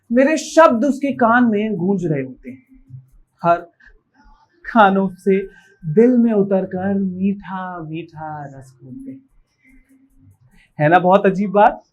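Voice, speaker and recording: A woman's voice: medium pitch, poor audio. A woman playing a ruthless male seducer in a stage play, who gloats in sly asides to the audience.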